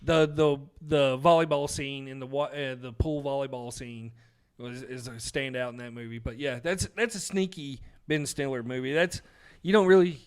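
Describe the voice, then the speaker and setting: A man's voice: mid-range voice, fairly even intonation, moderate pace, hardly any pauses, smooth. A young man co-hosting a podcast, chatting casually and joking with his co-host. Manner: laid-back, joking banter. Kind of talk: casual chat.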